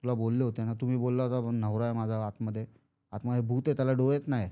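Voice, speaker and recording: Man telling a horror story, dark voice. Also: medium pitch, flat delivery, fast, smooth. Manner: acts out characters' lines in quoted speech. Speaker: podcast guest storyteller. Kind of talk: casual spoken horror storytelling.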